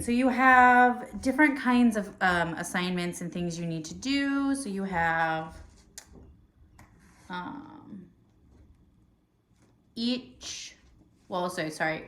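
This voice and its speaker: A woman's voice: medium pitch, a bit bright. A woman hosting a podcast in casual chat, rambling with lots of fillers and restarts. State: hiccuping. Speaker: podcast host. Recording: roomy echo.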